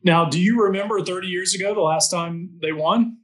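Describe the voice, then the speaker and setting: A man hosts a podcast interview in a friendly way, pausing now and then with small fillers. His voice sits a little higher than most men's. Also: fairly bright tone, rough recording. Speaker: podcast host. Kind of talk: interview hosting.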